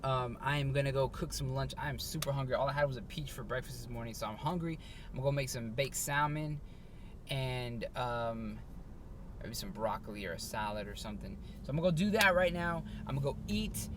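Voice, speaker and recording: A man's voice: mid-range voice, a little fast, background noise. A man talking casually to camera as a vlogger, rambling with fillers and restarts. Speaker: vlogger and small business owner. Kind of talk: casual vlog talk to camera. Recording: roomy echo.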